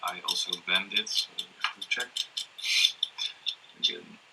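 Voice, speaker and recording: A man explaining step by step how to prepare and solder a coil, talking hesitantly with many pauses and fillers. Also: low voice, steady tone. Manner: hesitant, many ums and restarts, laughs often. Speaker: workshop presenter. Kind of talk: hands-on electronics demonstration. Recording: faint background noise and tool clicks.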